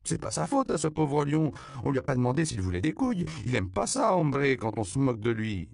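A man voicing an excitable young girl in a novel reading, high and insistent. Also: normal speed, vocal fry, no echo. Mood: indignant.

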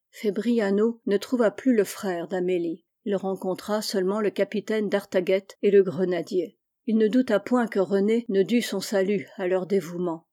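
A woman narrates a literary audiobook at a measured, even pace. Her voice is mellow and dark, never bright. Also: mid-range voice.

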